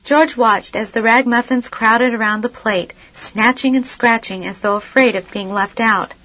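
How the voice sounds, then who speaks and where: A woman reads a story aloud, steady and expressive. Her voice sits a little high, and the recording is dull and lo-fi. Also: moderate pace. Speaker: narrator. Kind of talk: storybook reading.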